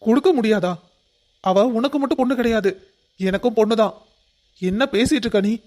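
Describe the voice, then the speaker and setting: A protective father in a cartoon family drama, his voice pitched rather high for a man, as a man acts him out. He lays down the law firmly and will not back down. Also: fairly quick, darkish tone, close to an everyday voice. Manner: firm, commanding. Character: middle-aged father, firm and protective.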